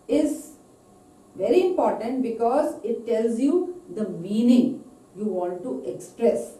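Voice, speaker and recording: Indian english lady teaching stress rules, slow and deliberate, very dark tone, sits back from the mic. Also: on the high side, distant mic. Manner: slow, deliberate, drawn-out example words. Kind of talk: recorded lecture. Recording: echoey room, voice off-mic.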